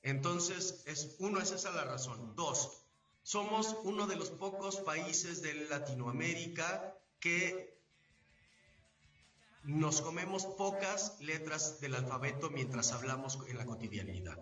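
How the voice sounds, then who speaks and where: A male voice actor with a Mexican accent, explaining at length in a measured, teaching way during a live event interview. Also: on the high side, bright, forceful tone, soft background music. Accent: Mexican Spanish. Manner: didactic, measured, asks if understood. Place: event venue. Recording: echoey, distant, dull sound.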